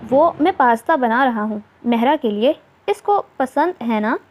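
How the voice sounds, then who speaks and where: A woman's voice: on the high side, lively intonation, a little slow, darkish tone. A woman voicing a playful, teasing young husband in a storybook reading. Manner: teasing, affectionate. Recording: dull lo-fi recording.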